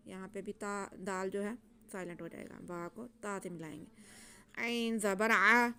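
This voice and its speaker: A woman teaching Quran reading, chanting letters and syllables slowly, then explaining the rules in quick soft asides. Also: mid-range voice, fairly even intonation, a little hiss or hum.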